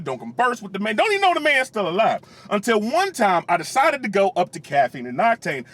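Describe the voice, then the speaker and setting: A man telling a comedic roast story, animated and sarcastic, with exaggerated comparisons. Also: high voice.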